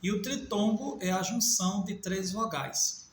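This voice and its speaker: Speaking in a high voice with a Northeastern Brazilian accent, a man from Northeast Brazil teaches Portuguese grammar in a video. He spells letters out slowly, with small self-corrections. The room is echoey, and there's a little hiss or hum.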